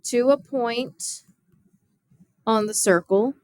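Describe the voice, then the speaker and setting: A woman's voice: fairly high pitch, slow pace, no echo. A young woman math teacher giving a classroom geometry lesson, explaining step by step and often asking her students questions.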